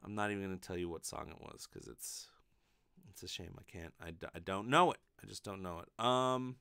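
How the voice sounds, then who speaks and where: Deep-voiced and fairly quick, the man uses vocal fry with a pushed, bright yet clean tone and no room sound. In his thirties, he's a vlogger and amateur ukulele player who chats casually with viewers from his bedroom on a close studio condenser mic, rambling, self-deprecating and swearing plenty.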